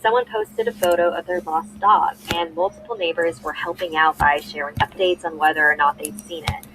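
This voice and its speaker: A young woman telling a scary story in smooth, scripted narration, played back from a video. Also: low voice, normal speed, music in the background, poor audio. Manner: smooth, even storytelling with a spoken ad read.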